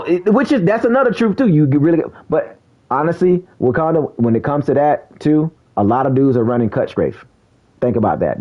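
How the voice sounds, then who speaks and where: A man streaming a game, chatting casually and calling out enemies, heard through a poor-quality stream mic. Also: highs cut off. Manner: slangy, calls out enemies, says "bro" a lot. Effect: low quality stream audio, bad mic. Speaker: gaming streamer. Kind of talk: casual live gameplay commentary.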